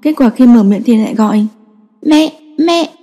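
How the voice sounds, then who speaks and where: A woman narrating a story in a steady, scripted storytelling style. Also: a little high, quick pace, in a large hall, faint music behind. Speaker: audiobook narrator.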